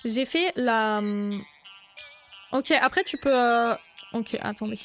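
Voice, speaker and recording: A young woman with a high voice chats casually on a live stream, greeting viewers one by one. She often breaks into excited, louder outbursts before calming down again. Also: takes it slowly, over music.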